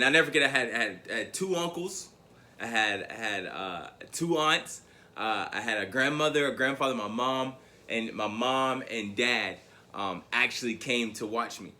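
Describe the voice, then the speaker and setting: A young man speaks to a crowd, telling his own story as a motivational speaker. His voice is bright and forceful and sits at an ordinary pitch. He talks in a lively way, repeats his words as he goes, and calls the listeners "guys". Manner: animated storyteller who repeats words and addresses the audience as guys. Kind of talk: motivational speech, personal storytelling.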